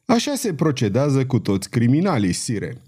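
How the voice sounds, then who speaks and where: A man voicing a gruff old soldier captain who speaks in a cold, curt way. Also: medium pitch, huge pitch swings, darkish tone.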